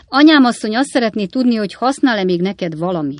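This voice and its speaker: A woman voicing a cheeky, quick-witted young male servant who teases with mock innocence. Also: mid-range voice, lively intonation, dry recording, pitched above the performer's own voice, natural voice. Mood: teasing.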